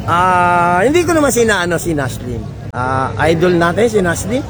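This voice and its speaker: A Filipino man talks through a cycling race on live sports radio. He rambles and hesitates, and his voice sits high. A busy outdoor crowd carries on behind him. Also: very animated, moderate pace. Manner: rambling, hesitant, lists shout-outs.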